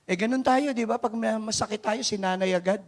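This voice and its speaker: A Filipino man preaches at a church worship service with a fairly high voice. He mixes Tagalog and English, reads scripture aloud, and keeps asking his congregation questions and urging them to clap. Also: a little fast. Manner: animated, questions the congregation and urges clapping. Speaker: pastor. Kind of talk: Taglish sermon with scripture reading.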